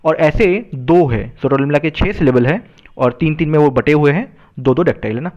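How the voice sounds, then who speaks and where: A man's voice: fairly high pitch, darkish tone, lo-fi sound. Man explaining a poem in a mixed tongue. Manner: many fillers, tag questions, slow recitation of verse. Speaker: literature teacher. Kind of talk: poem lesson mixing Hindi and English.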